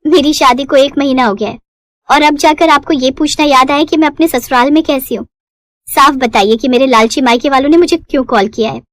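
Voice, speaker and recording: A wounded young bride, voiced by a woman, speaks in a cold, reproachful tone. There is a steady bitterness under her words. The cartoon-story sound is dry and close. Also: high voice, brisk, no echo, natural voice. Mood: bitter. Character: hurt young woman, bitter toward greedy family.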